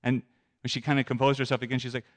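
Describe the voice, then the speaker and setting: Man, mid-pitched, candid self-deprecating testimony, conversational delivery. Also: flat delivery, very fast. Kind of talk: personal testimony storytelling.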